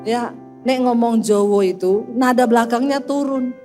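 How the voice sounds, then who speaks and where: A middle-aged woman pastor with a Sulawesi accent delivers a humorous sermon. Her voice sits high, and she jumps between characters in her stories and keeps calling the listeners saudara. Faint music plays behind her. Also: normal speed. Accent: Sulawesi Indonesian. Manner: animated, acts out both sides of arguments, addresses listeners as saudara.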